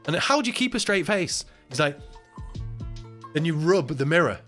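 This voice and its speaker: A man chats casually on his live stream, telling a long story and acting out the voices of everyone in it. His voice sits a little high, and he laughs and swears as he goes. Faint music plays behind him. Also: moderate pace. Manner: animated, acts out quoted voices, laughs often, swears.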